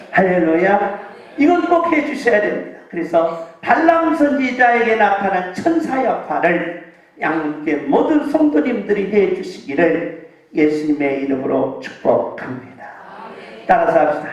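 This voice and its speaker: A man's voice: sits high, lo-fi sound. A male pastor preaching a fervent sermon, firing rhetorical questions and leading the congregation in call-and-response. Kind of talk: impassioned sermon. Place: church sanctuary. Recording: very echoey hall, mic far off.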